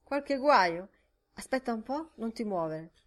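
Casting: woman voicing a hearty older Dublin merchant, brusque and exclamatory, booming up for his outbursts. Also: animated, a little slow. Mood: brisk.

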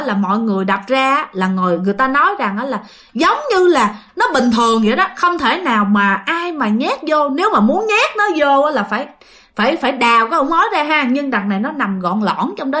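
A woman's voice: sits high, big pitch swings, fairly quick, sharp tone. A woman with a Southern Vietnamese accent telling a ghost story in a chatty, dramatic way, often addressing her listeners directly. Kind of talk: casual spoken storytelling.

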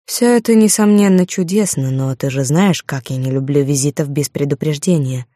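A woman's voice: low voice, moderate pace, dark tone, dry recording, clean studio sound. A woman voicing a stern, haughty aristocratic viscountess who speaks in a cold, clipped, commanding way. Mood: cool.

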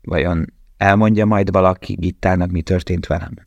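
A man voicing a young male prisoner who speaks quietly and with resignation. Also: low voice, steady tone, no room sound, highs cut off. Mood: resigned.

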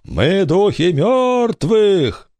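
A man's voice: sits high, big pitch swings, a little mellow, dry recording, pitched above the performer's own voice, exaggerated voice. Cordelia, a man doing a scheming ghostly girl. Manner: drawn-out, eerie wailing. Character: cunning bold young girl faking a ghost. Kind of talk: audiobook character voice.

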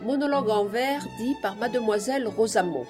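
Woman reading stage directions, slightly high. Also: fairly quick, over music. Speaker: reader.

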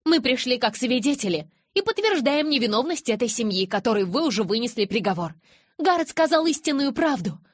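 A young woman witness stands defiant in an audiobook scene, voiced by a woman reader. She speaks up firmly, lifted above the narrator's low tone. Her voice has a husky edge, recorded dry. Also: very animated, a little fast, dry recording. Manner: raised, firm declarations.

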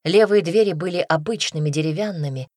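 A woman narrating an audiobook in a measured, even storytelling manner, close to the mic. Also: lowish voice, no room sound. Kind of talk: scripted narration.

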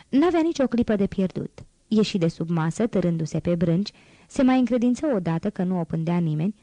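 Woman audiobook narrator, low warm voice, dry close sound, steady expressive reading. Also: no echo, poor audio.

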